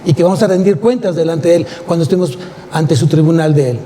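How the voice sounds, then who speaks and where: A man's voice: fairly high pitch, fast talker, dark tone. A man with a Mexican Spanish accent preaching a sermon, speaking emphatically and putting rhetorical questions to his congregation. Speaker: pastor. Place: church sanctuary. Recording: long church hall reverb, faint noise.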